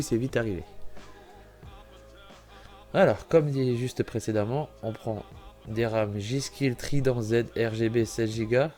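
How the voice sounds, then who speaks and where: This gaming YouTuber has a fairly low, slightly mellow voice and a cold that has him clearing his throat. His casual walkthrough of a computer-building game is chatty and self-correcting, and he apologizes often.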